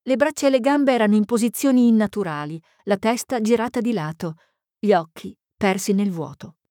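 A woman narrating a mystery novel in a measured, suspenseful reading. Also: medium pitch, animated, dark tone, dry recording, studio quality. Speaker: audiobook narrator. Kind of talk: scripted narration.

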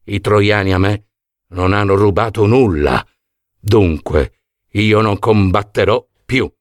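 A man's voice: fairly low pitch, slow pace, no echo, clean studio sound. A man voicing a proud, angry young warrior hero who speaks sternly and with scorn, in a storybook reading. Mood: scornful.

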